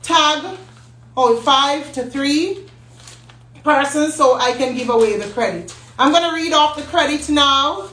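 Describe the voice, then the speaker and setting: A woman's voice: high-pitched, measured pace, pushed and bright. A woman hosting a live stream and giving away a prize, teasing her viewers and laughing often. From Jamaica. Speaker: host and company CEO. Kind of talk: casual live-stream giveaway. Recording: echoey room, mic at a distance.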